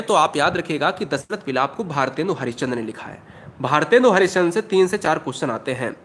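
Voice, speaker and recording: A man's voice: on the high side, fairly bright tone, a little hiss or hum. A man teaching an exam-prep Hindi lesson, emphatic, often repeating questions and speaking straight to his students.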